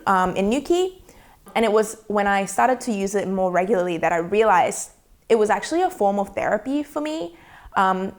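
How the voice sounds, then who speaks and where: A woman, speaking softly and thoughtfully in a reflective documentary interview. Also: mid-range voice. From Australia. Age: 20s. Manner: soft-spoken and thoughtful, slowing down on feelings. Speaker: documentary subject. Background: faint background music.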